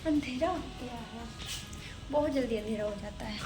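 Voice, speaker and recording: A woman's voice: fairly high pitch, moderate pace, over music. A young woman narrating her day in a casual, rambling vlog, chatty and self-mocking. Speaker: vlogger, exam student.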